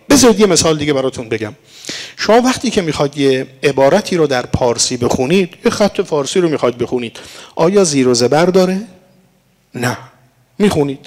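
A man's voice: a little high, darkish tone. A man preaching a sermon in a teaching manner, speaking to his listeners as dear friends and reciting verse along the way. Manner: explanatory, addresses listeners as dear ones, recites verse and Arabic.

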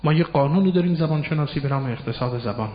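A man giving a religious lecture on Quranic verses, explaining step by step and slowing down to recite Arabic verses. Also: fairly high pitch. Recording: roomy hall echo, dull lo-fi sound.

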